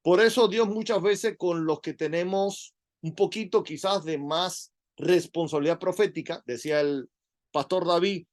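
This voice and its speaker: A middle-aged man, preaching a sermon in an animated, conversational way full of rhetorical questions. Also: high-pitched, normal speed.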